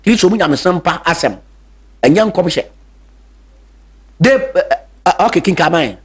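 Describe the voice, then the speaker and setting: A man's voice: high voice, lively intonation, moderate pace, breathy edge. A Ghanaian man preaching a radio sermon in Twi and English, emphatic, repeating key words, with hesitant fillers.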